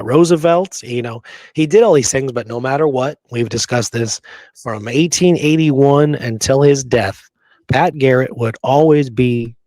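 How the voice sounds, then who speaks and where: As a podcast co-host, a man discusses history casually, sometimes reading aloud, and makes his points emphatically before quickly checking that you agree. His pitch is average for a man, and the recording is close and dry.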